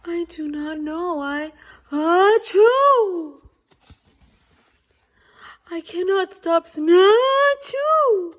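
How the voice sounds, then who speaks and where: A woman's voice: extremely high pitch, fairly even intonation, measured pace, hardly any pauses, darkish tone. A woman voicing a worried, melodramatic elephant who keeps sneezing and hesitating, in a storybook read aloud.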